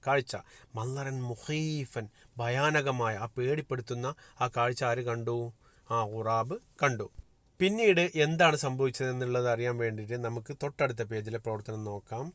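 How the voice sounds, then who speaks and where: A man from Kerala teaching a primary school Arabic class online. He reads textbook phrases slowly, then explains them and asks questions that he answers himself. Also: medium pitch, fairly bright tone, no echo. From Kerala, India.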